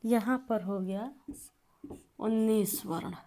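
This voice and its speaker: Slow, repetitive woman teaching Sanskrit. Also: medium pitch, steady tone, dark tone. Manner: repeats terms slowly, thinking aloud while writing. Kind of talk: board lesson with recitation.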